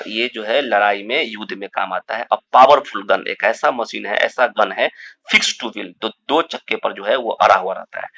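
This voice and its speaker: Gravelly man teaching English words. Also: lowish voice, sharp tone. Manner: repetitive, drills words, addresses students as babu. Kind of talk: vocabulary lesson explaining confused words. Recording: dull lo-fi recording.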